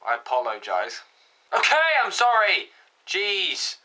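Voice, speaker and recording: A man's voice: a little high, very animated, bright, forceful tone, poor audio. A man giving a jokey vlog monologue, full of puns and mock apologies. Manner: punning, self-mocking, quick apologies. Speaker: comedy vlogger.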